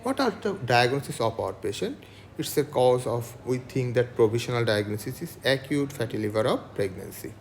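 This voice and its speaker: Gravelly-voiced man lecturing. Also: medium pitch, lively intonation, moderate pace. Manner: asks questions then answers, lists items. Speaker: medical lecturer. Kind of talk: clinical case lecture.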